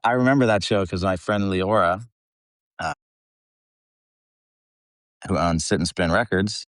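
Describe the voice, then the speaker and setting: He has a low, somewhat bright voice, heard in a clean studio recording with no room sound. An American from eastern Pennsylvania who fronts a metal band, he's an interview guest chatting informally and telling anecdotes in slangy, swear-laden language.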